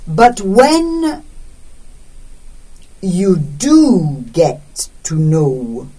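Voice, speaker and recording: Woman, lowish voice, slightly husky, dictation reading, deliberate short phrases, teacher. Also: sing-song, mellow, distant mic, low-quality recording. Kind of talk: slow dictation, reading text aloud with punctuation spoken.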